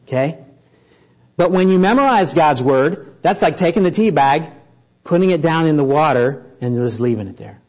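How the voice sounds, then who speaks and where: A man preaching a sermon to a congregation, earnest and building up in pitch and volume to stress his points. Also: a little mellow, lo-fi sound. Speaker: pastor.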